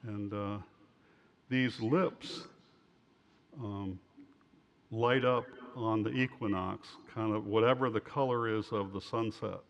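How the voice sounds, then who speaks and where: A man giving an informal slide lecture as an author, speaking in a halting, rambling way over a muffled recording. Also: lowish voice, steady tone, a little hiss or hum.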